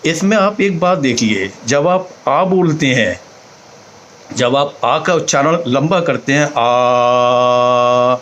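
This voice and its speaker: A man teaching slowly, pausing to demonstrate each sound aloud. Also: a little high, animated, a little hiss or hum, rough recording. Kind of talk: explanatory talk on chanting.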